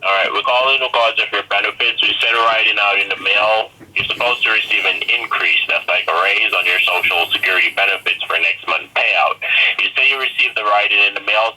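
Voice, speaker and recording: A man with an Indian accent pushing a scripted pitch on a phone call, halting and repeating himself as he insists. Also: bright, forceful tone, husky. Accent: Indian English. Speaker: phone scammer posing as a government agent. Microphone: telephone. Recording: noisy phone line.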